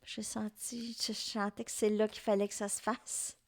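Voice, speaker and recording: A middle-aged woman with a Québécois French accent, giving a tarot reading to her viewers in an unhurried, musing way and speaking straight to them. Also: medium pitch, flat delivery, creaky. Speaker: tarot reader.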